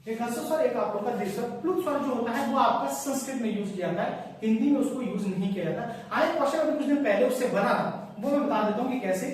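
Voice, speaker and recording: A man's voice: very high voice, quick pace, hardly any pauses. A male Hindi grammar teacher giving a classroom lecture. He repeats key points and quizzes his listeners. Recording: very echoey room, distant mic, faint hiss.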